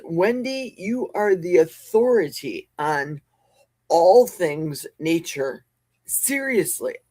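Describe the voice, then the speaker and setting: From her home basement, a woman hosts a casual livestream, chatting and joking as she answers viewers' comments. Her voice is lowish and darkish with a breathy edge, captured dry on a desk mic that has a cough button.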